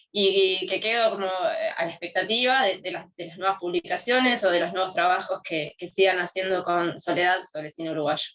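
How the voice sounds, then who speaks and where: A woman with a fairly low voice speaks courteously, with some hesitation, to close an academic meeting. Her voice comes through a dull, lo-fi video call. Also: fairly bright tone. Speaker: guest academic. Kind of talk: polite closing remarks.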